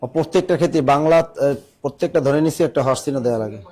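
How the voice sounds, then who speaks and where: A man's voice: on the high side, rapid-fire, darkish tone. A male teacher giving a classroom lecture, repeating key phrases and quizzing his students. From Bangladesh.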